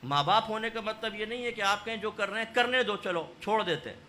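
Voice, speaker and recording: A man delivers a sermon, his voice pitched high and bright, pushing into loud emphatic stresses. He tells a story and acts out each quoted voice. Faint background noise hums under the recording. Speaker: religious scholar.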